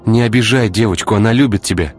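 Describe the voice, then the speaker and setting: A man voicing a brash young man who talks in a brisk, teasing way. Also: fairly low pitch, soft background music, voice pushed up, close to an everyday voice. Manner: brisk, teasing, sometimes syrupy.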